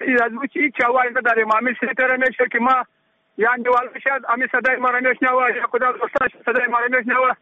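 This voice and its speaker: A man's voice: extremely high pitch, no echo. A man from northern Afghanistan with a regional Dari accent makes a colloquial appeal as a caller. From Takhar, Afghanistan. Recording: tinny phone line on radio.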